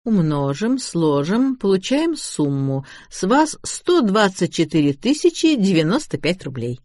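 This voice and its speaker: Fussy pompous salesman, read by a man, audiobook, lively pitch, dry sound. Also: no echo. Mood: unctuous. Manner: fussy, formal, drawn-out. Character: pompous smooth-talking male furniture salesman. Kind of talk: audiobook reading.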